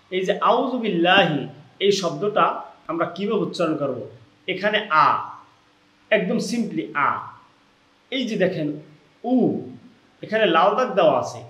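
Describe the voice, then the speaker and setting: A man's voice: high-pitched, fairly bright tone. A man teaching pronunciation for recitation step by step, drawing out and chanting sounds to demonstrate. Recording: echoey room.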